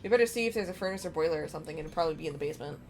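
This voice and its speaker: A woman's voice: deep voice, rapid-fire. A woman casually playing through a game, reading its text aloud and dropping in offhand asides. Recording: clear background noise.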